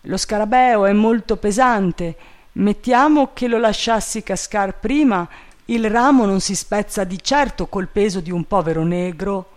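Bumbling servant, high and fretful, a man reading the part. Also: measured pace. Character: timid, bumbling male servant up a tree.

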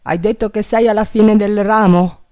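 A man voicing an excitable, impatient gentleman who gives urgent orders in a raised voice, in a storybook reading. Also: high voice, normal speed, clear, resonant tone, pitched above the performer's own voice.

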